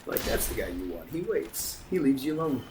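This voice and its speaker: A man co-hosting a gameplay series, commenting casually, joking and quick to cheer at the action on screen. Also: medium pitch, big pitch swings. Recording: echoey room with faint background noise.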